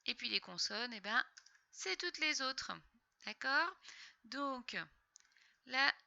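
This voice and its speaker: A woman's voice: high voice, expressive, slow pace, vocal fry, bright, forceful tone, no echo, dull audio. Patient woman teacher sounding out syllables. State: slightly sore throat. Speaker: primary school teacher. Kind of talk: recorded reading lesson for young children.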